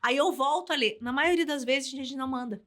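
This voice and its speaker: A psychologist and couples therapist with a Brazilian Portuguese accent, explaining and giving advice in a podcast conversation. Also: female voice, high voice, fairly quick. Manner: animated, explanatory, speaks in advice.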